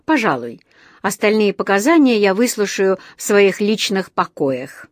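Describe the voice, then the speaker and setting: A woman's voice: mid-range voice, big pitch swings, unhurried, no room sound, studio quality. Irritable male judge, read by a woman, curt, stern, impatient.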